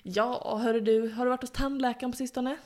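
A woman's voice: on the high side, steady tone, darkish tone. A woman co-hosting a podcast in casual chat, playful and teasing, often laughing. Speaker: podcast co-host.

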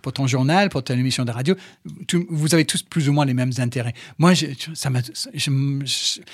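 A man's voice: mid-range voice, normal speed, no room sound, clean studio sound. Englishman speaking French with an English accent. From England. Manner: animated storyteller, fillers and restarts. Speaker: podcast guest. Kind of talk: casual conversation. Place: studio.

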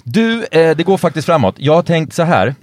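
A man's voice: a little high, sing-song. A middle-aged man co-hosting a podcast in casual chat, joking and swearing freely, acting out the people he quotes. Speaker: podcast co-host. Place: outdoors by a car park.

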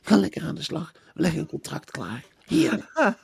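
Guy putting on a syrupy publisher type, high and sweet, half whispering, gravelly underneath. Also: huge pitch swings, moderate pace, no room sound, exaggerated voice. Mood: coaxing. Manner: mock-sweet, coaxing, hushed to whispering. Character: gushing male publisher wooing authors.

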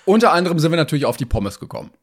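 A man's voice: a little high, sing-song, rapid-fire. A man co-hosting a podcast, chatting casually with playful, jokey banter. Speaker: podcast co-host. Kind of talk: casual chat.

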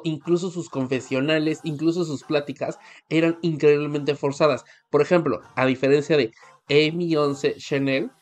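A man's voice: on the high side, darkish tone. A man, co-hosting a podcast and trading gossip in emphatic casual chat. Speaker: podcast co-host.

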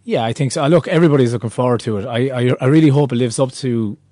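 A man's voice: mid-range voice, racing, dark tone, no echo, clean studio sound. A man talking conversationally as a sports pundit.

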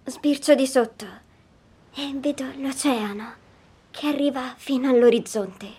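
An actress playing a young girl who calmly and quietly recounts a strange dream in an audio drama. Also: sits high, unhurried, slightly rough. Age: child figure. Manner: calm, hushed storytelling.

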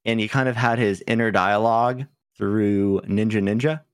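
A man's voice: on the low side, fairly even intonation, moderate pace, smooth, dry recording, studio quality. A man co-hosting a podcast in casual chat, laughing often and swearing casually. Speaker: podcast co-host.

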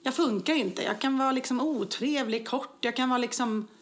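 A woman chatting casually and telling funny everyday stories, acting out her own lines. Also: high-pitched. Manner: lively storyteller, acts out own quotes. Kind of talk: casual chat, telling anecdotes.

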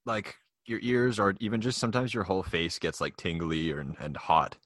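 A young man with a low, deep voice talks easily in an unhurried podcast chat. He explains things at length, with plenty of fillers and restarts. The sound is close and dry, with no room around it. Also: fairly even intonation, fairly bright tone, no echo. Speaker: podcast co-host. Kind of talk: casual chat.

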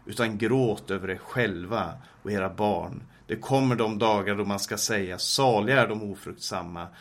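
A Swedish-accented man preaching a teaching sermon in a fairly low voice. He reads scripture aloud, then works through its meaning with pauses, fillers and restarts.

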